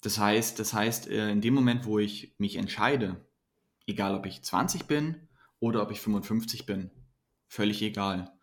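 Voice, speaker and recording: A man's voice: fairly low pitch, moderate pace. A man, a mentoring coach, giving earnest, motivational answers in a podcast interview, often restarting his sentences.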